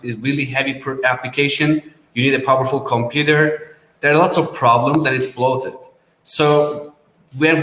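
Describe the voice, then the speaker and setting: A man from Turkey pitching his design startup, speaking at a middling pitch with plenty of self-corrections and slightly non-native phrasing. The sound is roomy, with a long reverb trailing each phrase. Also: a bit bright. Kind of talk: business pitch.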